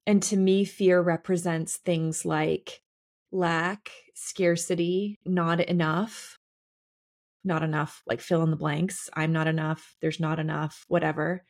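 Reflective woman podcast co-host, lowish voice. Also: flat delivery. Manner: reflective, halting, many fillers. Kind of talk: casual podcast conversation.

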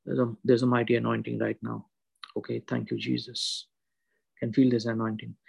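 A man with a gravelly, creaky voice leads a prayer meeting over a video call. His tone is husky and a little rough at the edges. He prays fervently, circling back over the same phrases. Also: medium pitch, little pitch movement, normal speed, low-quality recording. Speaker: prayer leader. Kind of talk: leading an online prayer meeting.

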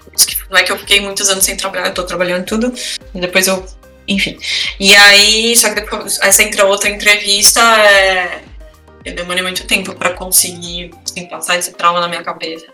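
Expressive woman, bright voice. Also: mid-range voice, brisk, distant mic, faint music behind. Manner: expressive, tells personal stories with feeling. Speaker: podcast co-host. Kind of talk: casual podcast chat.

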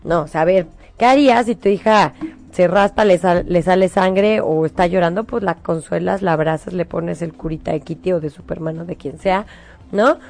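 A middle-aged Mexican woman, a show host, giving spiritual advice in a coaxing, animated way. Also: on the low side, moderate pace. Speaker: host giving angel predictions.

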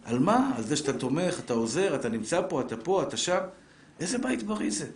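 A middle-aged man, a rabbi, giving a live Torah lesson to a seated audience, talking straight to them with lively rhetorical questions. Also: a little high, a little hiss or hum. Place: lecture room with a seated audience. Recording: roomy echoing room.

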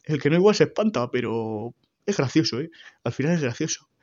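A man giving an earnest, halting personal faith testimony about caring for his dying mother. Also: medium pitch, animated, darkish tone, dull audio. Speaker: grieving son giving testimony.

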